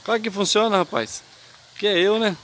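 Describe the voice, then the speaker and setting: A man's voice: high-pitched, moderate pace, a bit bright. A man with a Brazilian Portuguese accent hosts a fishing vlog at an outdoor pond, chatting casually, teasing and giving pointers. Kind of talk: casual chat while fishing. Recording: noisy outdoor camera audio.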